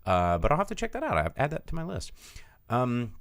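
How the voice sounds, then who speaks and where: A man co-hosting a casual podcast chat, breaking into high mocking voices. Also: huge pitch swings, fairly quick, no room sound, studio quality. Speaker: podcast co-host.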